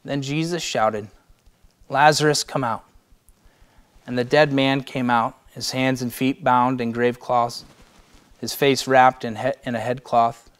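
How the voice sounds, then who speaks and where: A young adult man with a Midwestern American accent, a pastor preaching a sermon with impassioned delivery that swings between loud and hushed. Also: medium pitch, steady tone, unhurried.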